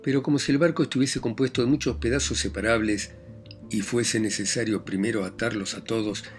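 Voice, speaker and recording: A man reading a novel aloud in a grave, measured first-person narration with an Argentine Spanish accent. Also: on the low side, fairly even intonation, faint music behind. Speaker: audiobook narrator. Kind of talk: scripted literary narration.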